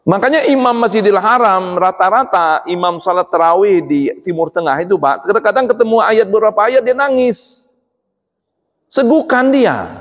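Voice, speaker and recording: A middle-aged man preaching a sermon to a congregation, often asking them questions. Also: high-pitched. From Indonesia. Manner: lively, asks the congregation questions. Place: mosque hall. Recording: long hall reverb.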